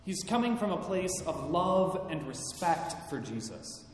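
Slow-preaching man in an echoey hall. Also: a little high, very animated. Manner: slow, emphatic preaching with dramatic voiced quotes. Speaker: pastor. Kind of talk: sermon. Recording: echoey hall with faint background noise.

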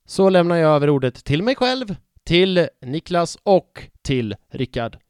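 A young man hosting a casual fan podcast, playful and excitable, often joking about himself. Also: a little high, clear, resonant tone, no echo, clean studio sound. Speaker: podcast host. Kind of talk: casual chat.

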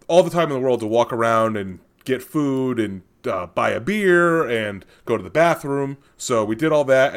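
Casual male podcast co-host telling a story. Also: medium pitch. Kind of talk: casual chat.

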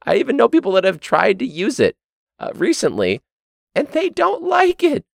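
A man's voice: high voice, huge pitch swings, moderate pace, gravelly, no room sound, studio quality. A man hosting a teachers' podcast, ranting sarcastically and swearing, his voice sore. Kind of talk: casual monologue.

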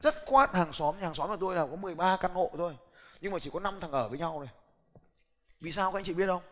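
A middle-aged man giving a lively, blunt motivational business seminar talk, challenging the audience directly. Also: high-pitched, fast. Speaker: seminar speaker. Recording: long hall reverb.

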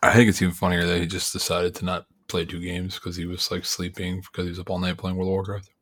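Male podcast co-host, very low husky voice, rambling casual chat. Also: completely flat delivery, fast talker, fairly bright tone. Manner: rambling, laughs easily, many fillers.

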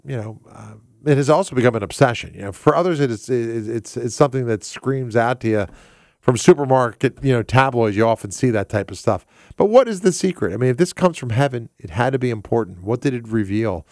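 A man's voice: medium pitch, darkish tone, no echo, clean studio sound. A man hosting a conversational radio show, often rephrasing himself and posing rhetorical questions. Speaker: radio host. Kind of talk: conversational talk radio presenting. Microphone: close studio microphone.

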